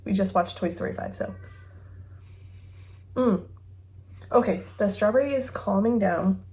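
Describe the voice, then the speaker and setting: A woman's voice: medium pitch, unhurried, mellow. A woman in her thirties chatting casually at home as she reviews fragrances, thinking aloud with giggles and a phone mic. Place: home bedroom with dresser.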